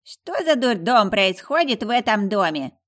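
A woman voicing a sharp-tongued female talking owl with horns in an audiobook, loud and mocking. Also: mid-range voice, big pitch swings, a little slow, pitched above the performer's own voice. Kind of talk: audiobook character voice.

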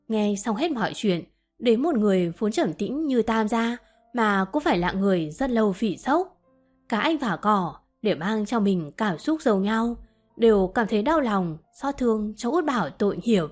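A woman reading a romance novel aloud as an audiobook narrator, gently voicing both lovers' lines. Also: medium pitch.

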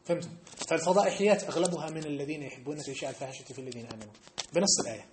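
A man giving a mosque study-circle lesson, animated and emphatic, often checking that his listeners understand. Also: on the high side, racing, slight background noise. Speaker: religious teacher. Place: mosque hall.

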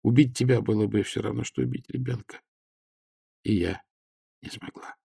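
A man voicing a gravely wounded young woman who speaks weakly but clearly, in a faint, halting way. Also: mid-range voice, mellow, no echo, clean studio sound, pitched above the performer's own voice. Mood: weak, tender. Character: dying young woman, weak and tender.

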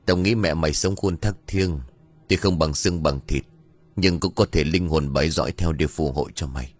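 A man doing a gruff grieving old father. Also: a bass voice, normal speed. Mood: gruff weary. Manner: gruff, sighing, scolding. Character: grieving older father, gruff yet tender.

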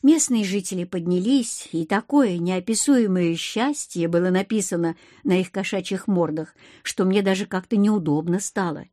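Expressive woman narrating an audiobook. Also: lowish voice, normal speed, few pauses, no room sound, clean studio sound. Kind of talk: first-person audiobook narration.

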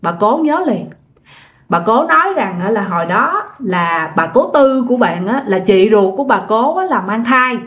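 A woman's voice: a little high, big pitch swings, moderate pace, fairly bright tone. A woman telling a ghost story in a chatty way, addressing listeners directly. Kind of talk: casual spoken ghost story.

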